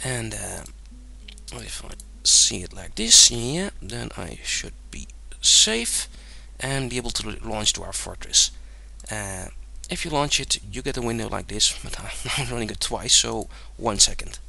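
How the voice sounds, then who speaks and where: In a fairly low, creaky voice, a young man from the Netherlands narrates a game tutorial over his screen, speaking a little slowly with a Dutch accent. His manner is easygoing and rambling, packed with fillers and frequent chuckles.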